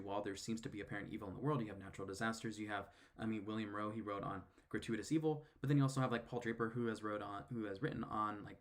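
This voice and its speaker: A man with a daughter, responding in casual commentary, halting often with fillers and restarts. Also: lowish voice. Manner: hesitant, many fillers and restarts. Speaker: video commentator.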